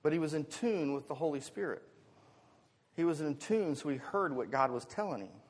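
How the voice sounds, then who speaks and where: An American pastor preaches a sermon in a slightly high, expressive voice at a moderate pace. He shifts among rhetorical questions, conversational asides and emphatic swells. The large church hall gives the recording a long, reverberant tail.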